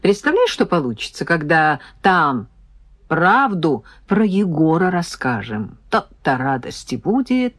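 Sly snickering officer read by a woman, low and lively. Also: unhurried, no echo, clean studio sound. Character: sly male officer in a jacket, giggling and mocking. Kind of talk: audiobook character reading.

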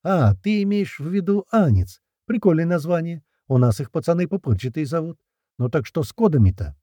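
A man's voice: fairly high pitch, big pitch swings, a little fast, dark tone, no echo, pitched above the performer's own voice. Audiobook figure: mocking male enemy commander read by a man, cheerful taunts, voice lifted a bit, swings around a lot. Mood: amused.

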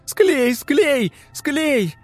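A man's voice: extremely high pitch, sing-song, takes it slowly, darkish tone, soft background music, pitched above the performer's own voice, exaggerated voice. A man voicing a shrieking, fixated young psychiatric patient who repeats the same words over and over.

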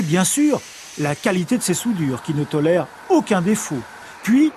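A man, a news reporter, reading a scripted report in a measured, formal delivery. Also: high-pitched, darkish tone, slight background noise.

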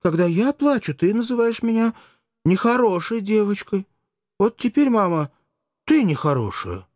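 Little girl, high falsetto, innocent and pleading, a man voicing her. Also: big pitch swings, normal speed, a little mellow, no echo, clean studio sound. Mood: childlike plea.

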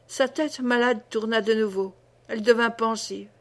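A woman reading a classic novel aloud as an audiobook, with dramatic, measured narration. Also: a little high, fairly even intonation, a bit bright. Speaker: audiobook reader. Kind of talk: scripted narration.

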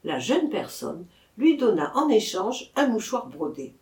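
A woman narrating a classic novel as an audiobook, in an expressive storytelling manner. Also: medium pitch, a little slow. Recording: echoey room.

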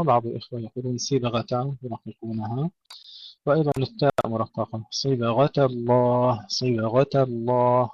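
A man teaching tajweed, explaining pronunciation errors and reciting each example slowly and drawn out. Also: medium pitch, darkish tone, husky, no room sound, lo-fi sound.

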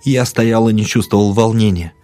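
A man narrating a first-person mystery story in a tense, measured way. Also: on the low side, steady tone, dark tone, no room sound. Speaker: audiobook narrator.

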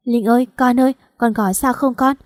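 A woman's voice: a little high, steady tone, moderate pace, a little mellow, no echo, studio quality, close to an everyday voice. A woman voicing a worried, loving middle-aged mother who frets over her daughter. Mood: anxious.

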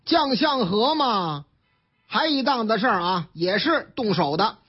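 A man with a strong Beijing accent tells the day's news like a street storyteller, slipping into the voices of the people in each tale. His pitch leaps up and down, and his voice has a husky edge. The broadcast sounds dull and lo-fi. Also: measured pace. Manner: lively, acts out the characters in the stories, colloquial. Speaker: radio commentator.

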